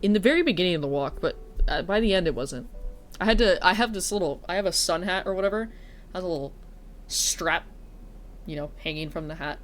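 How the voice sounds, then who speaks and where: Her pitch is fairly low and her delivery brisk, with faint music behind. The woman, a streamer who teaches, chats casually while streaming, sniffly and stuffy-nosed, cursing and being self-deprecating.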